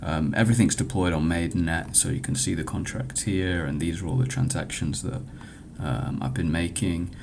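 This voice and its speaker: This is an informal demo by a man showing off software he built at a hackathon, and he stumbles a lot, speaking in a halting, unsure way. The recording is clean, though a low rumbling noise runs underneath.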